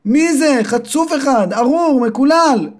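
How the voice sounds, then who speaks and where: A scolding biblical mother in a children's storybook, voiced by a male narrator. Her voice jumps high and loud as she rails against a thief. She sounds indignant and theatrical. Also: expressive. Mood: outraged.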